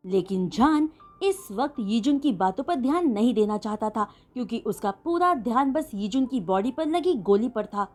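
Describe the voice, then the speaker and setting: A woman retelling a fan-written romance story as an animated, dramatic storyteller. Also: a little high. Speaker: fanfiction storyteller.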